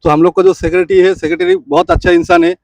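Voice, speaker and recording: A man's voice: high voice, big pitch swings, fast talker, gravelly, a little mellow, dry recording. Earnest pleading male food vendor. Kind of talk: street interview.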